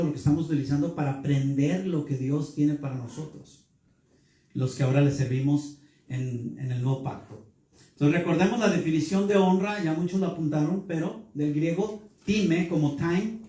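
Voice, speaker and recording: In an echoey church hall, far from the microphone, a pastor teaches a Bible class in a mellow, fairly high-pitched voice. He keeps asking questions of those gathered as he preaches.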